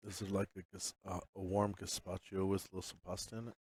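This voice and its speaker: A man's voice: low voice, flat delivery, quick pace, a little mellow, slightly rough, dry recording. An older man co-commentating a pool match in easygoing casual chat, mostly with short agreeing replies.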